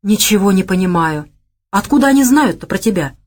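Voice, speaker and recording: A woman reading a spirited, brisk young woman. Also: mid-range voice, lively intonation, lightly acted.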